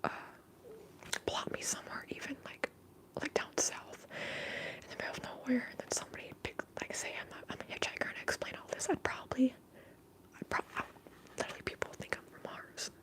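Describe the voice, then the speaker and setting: A woman whispering softly and breathily as she hosts an ASMR livestream, chatting in a candid, informal, rambling way. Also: a little fast, low-quality recording. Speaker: livestream host.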